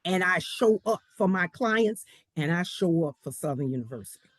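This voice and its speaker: Animated woman storyteller in her sixties. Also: fairly low pitch, moderate pace, dry recording. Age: 60s. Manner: animated storyteller acting out the people she quotes. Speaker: law professor. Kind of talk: storytelling interview.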